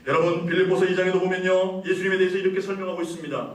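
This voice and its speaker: A male pastor preaching a sermon, asking the congregation questions, leading them in call-and-response and reading scripture slowly with emphasis. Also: high-pitched, little pitch movement. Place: church sanctuary. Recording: echoey church hall, voice from a distance.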